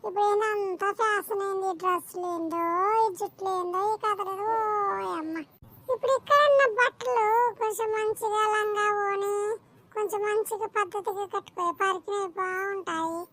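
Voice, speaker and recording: A woman's voice: extremely high pitch, steady tone, a bit bright, a little hiss or hum. A woman voicing a fussy, scolding village mother in a cartoon. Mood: nagging. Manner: nagging, fretful, quick scolding. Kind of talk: cartoon voice acting.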